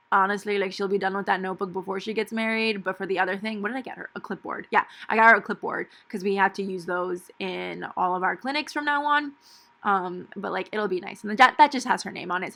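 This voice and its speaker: A woman's voice: mid-range voice, bright, forceful tone. A young woman, a dental hygiene student, chatting casually over her planner with lots of "like" and "um". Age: young adult. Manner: chatty, filler-heavy with lots of "like". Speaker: planner vlogger.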